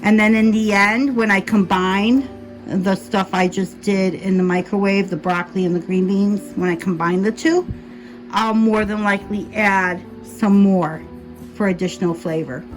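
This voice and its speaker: A woman's voice: mid-range voice, steady tone, normal speed, faint music behind, rough recording. A woman with a mild speech impediment, chatting casually as she narrates her cooking in a home kitchen, thinking aloud and correcting herself as she goes. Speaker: cooking vlogger.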